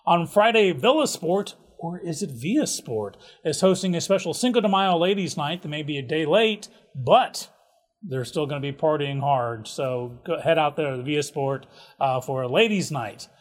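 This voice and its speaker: A man with a slightly high voice talks at a normal speed while hosting a casual rundown of the local community calendar. He is chatty and jokey, tossing in offhand asides.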